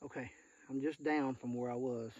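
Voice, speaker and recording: A man's voice: mid-range voice, steady tone, moderate pace, darkish tone, highs cut off. A man with an Arkansas Southern accent talks casually and plainly, folksy in manner, pointing things out as he explains deer scouting in the woods. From Arkansas, United States. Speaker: deer hunter giving scouting tips. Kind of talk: casual outdoor vlog, explaining while scouting. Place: outdoors in the woods. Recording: outdoor field recording with faint natural noise.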